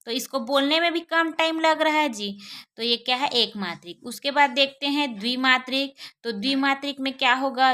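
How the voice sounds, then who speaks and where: A woman's voice: a little high, bright, forceful tone. A woman teaching a grammar lesson, asking the class questions and then answering them herself, often adding little checks for understanding and saying vowel sounds aloud as examples.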